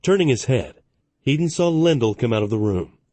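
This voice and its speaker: A man narrating an audiobook in a steady, even reading voice. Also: mid-range voice, moderate pace, dry recording. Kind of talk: scripted narration.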